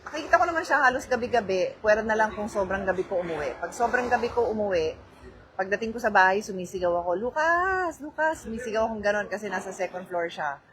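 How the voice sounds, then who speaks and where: A middle-aged vlogger with a Filipino accent livestreams on a handheld phone, chatting about her day and greeting viewers by name as she drifts between Filipino and English. Her mid-range voice moves quickly. The recording is low quality, with a crowd in the background.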